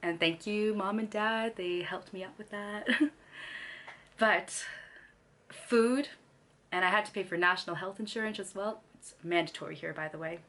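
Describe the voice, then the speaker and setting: At a normal speed and in a mid-range, slightly bright voice, a young adult Canadian vlogger talks casually to the camera. She laughs often between sentences, and a little scratchiness lingers in her throat after she lost her voice.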